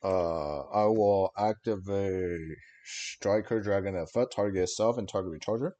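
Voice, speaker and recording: A man with a slightly low voice talks through a headset mic on a livestream. He calls his card plays in terse bursts and pads them with fillers. The tone stays casual. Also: unhurried, dark tone. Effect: livestream headset mic audio. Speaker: streamer and card game player. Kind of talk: casual play-by-play commentary of his own turn.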